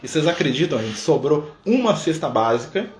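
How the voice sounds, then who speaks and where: A Brazilian man leads a live-streamed spiritist study talk from a room at a community center, speaking conversationally and often ending sentences with a questioning "né?" to fill pauses. His slightly high voice is very animated, and the sound is roomy.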